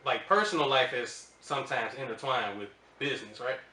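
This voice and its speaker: A male radio host asking a guest questions in a playful, animated way. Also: medium pitch, brisk, recorded from a distance. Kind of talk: casual interview chat. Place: radio studio. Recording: roomy studio with faint noise.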